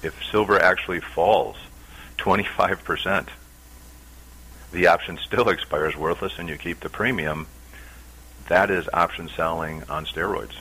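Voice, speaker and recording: A middle-aged man, a commodity options trader, explaining his strategy as a guest on a radio interview, steady with frequent "uh" pauses. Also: sits low, breathy edge, low-quality recording.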